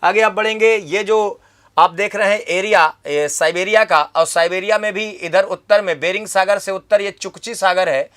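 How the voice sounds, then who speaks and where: A man's voice: high voice, fairly bright tone. A man teaching an exam-prep geography lesson, repeating key terms and quizzing the viewer with questions.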